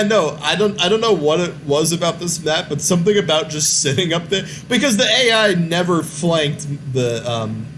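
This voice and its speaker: A man's voice: on the high side, fairly bright tone, slight background noise. A young man in casual gaming chat, rambling with many fillers and restarts. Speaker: podcast host.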